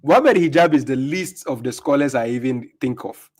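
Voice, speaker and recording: A man's voice: medium pitch, brisk, a little mellow. A Ghanaian man hosting a live stream, reacting to clips with mocking commentary, laughing often and repeating himself.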